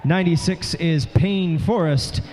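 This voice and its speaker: Higher-voiced male derby co-commentator. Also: a little slow, a little mellow. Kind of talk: roller derby color commentary.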